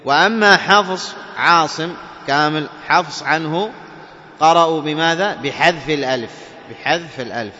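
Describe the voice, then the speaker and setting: A man teaching Quran recitation rules, explaining step by step, asking and answering his own questions, and chanting verses slowly as examples. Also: a little high, pushed and bright. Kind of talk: tajweed lesson with chanted examples. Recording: dull reverberant hall recording with faint noise.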